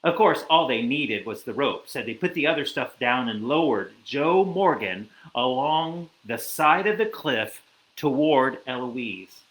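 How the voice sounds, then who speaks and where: Lively, unhurried man reading a storybook. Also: medium pitch, roomy sound, poor audio. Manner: animated, lively storytelling with asides. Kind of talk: reading a picture book aloud.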